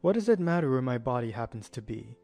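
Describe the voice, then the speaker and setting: Man as an unruffled, mid-pitched eccentric fellow. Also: big pitch swings, quick pace, vocal fry, darkish tone, soft background music. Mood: musing. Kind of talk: dramatized audiobook acting.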